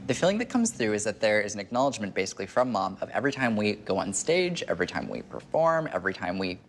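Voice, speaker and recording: On an indoor TV studio set, a medium and show host in his twenties gives a conversational psychic reading, relaying impressions haltingly and spontaneously as they come to him. His voice is on the low side and very animated, with music behind it and slight background noise.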